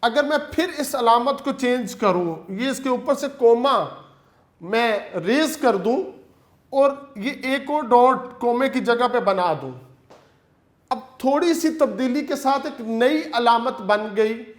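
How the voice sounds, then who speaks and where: A male teacher giving an online lecture, explaining step by step in a patient way and calling his students "beta". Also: extremely high pitch. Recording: echoey room.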